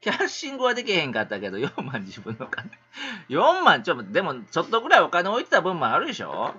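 A middle-aged man with a Kansai accent, chatting on a casual livestream in an animated, rambling, ranting way. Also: a little high, quick pace, highs cut off.

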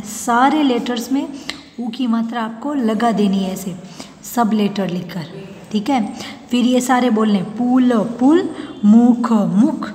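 A woman teacher giving a recorded lesson to young pupils, slowly repeating each word twice for them to echo. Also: fairly high pitch, a little mellow. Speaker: school teacher. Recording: echoey room with long reverb, faint hum.

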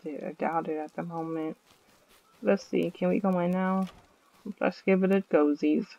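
A woman's voice: fairly low pitch, steady tone, a little slow, gravelly, warm tone, dry recording, highs cut off. A young woman commentating her own video game play in a playful, dramatic way, with chants and squeals. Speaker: gaming video host.

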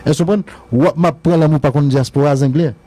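A music commentator with a Haitian accent rambles through a casual radio-show debate about music, repeating phrases and laughing often. His voice is fairly high, mellow, and fast.

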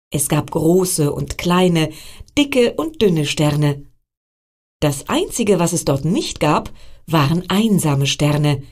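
A woman reading a bedtime story for children aloud, speaking to them directly with expressive storytelling. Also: lowish voice.

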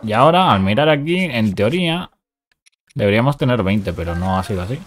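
Over soft background music, a man with a lowish, animated voice narrates a game glitch a little fast. He's a gaming YouTuber giving casual tutorial commentary, walking through the steps and repeating short commands.

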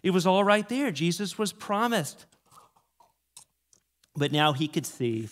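A middle-aged American man preaching a sermon from a church stage into a handheld mic, telling stories with animated emphasis on key words. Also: high-pitched, slow pace. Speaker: pastor.

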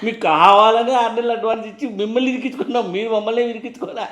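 A man playing a cocky male tenant in a comedy sketch, loud and mocking as he refuses to leave. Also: extremely high pitch, fairly even intonation, rapid-fire, roomy sound. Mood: defiant.

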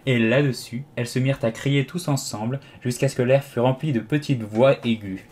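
A man narrating a classic children's story as an audiobook, steady and expressive. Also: medium pitch, fairly quick. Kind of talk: scripted narration.

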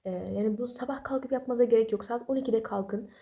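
Young woman vlogger, very dark mellow tone, quick chatty delivery, sleepy late-night talk without a proper mic. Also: fairly high pitch, vocal fry. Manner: rambling, apologetic, chatty with self-deprecating jokes. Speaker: study vlogger. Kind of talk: casual late-night study advice. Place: home at night while family sleeps. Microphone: no external microphone.

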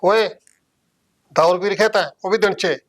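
A stern but caring elder brother, played by a man in a Punjabi family drama. He scolds firmly, with a voice pitched a little high for a man. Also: moderate pace, lightly acted. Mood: scolding. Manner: scolding, firm.

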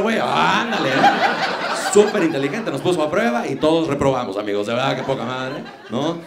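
A young man with a Mexican accent doing stand-up comedy on a club stage, mocking and teasing the audience in slangy speech. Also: medium pitch. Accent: Mexican Spanish. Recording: echoey club room, crowd audible.

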